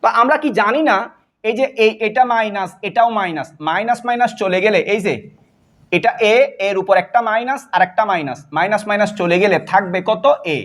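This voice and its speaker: A man's voice: high voice, brisk, a bit bright. Guy teacher walking through a math problem step by step, quizzing then answering himself. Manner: explains step by step, asking and answering own questions. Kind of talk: whiteboard math lesson.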